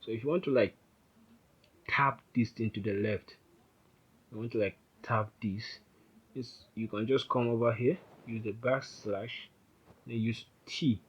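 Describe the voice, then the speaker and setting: A man's voice: mid-range voice, fairly even intonation, measured pace, pauses often, slightly rough, highs cut off. A man giving an informal, rambling coding tutorial, often correcting himself as he types. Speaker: programming instructor. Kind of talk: casual screen-recorded coding tutorial.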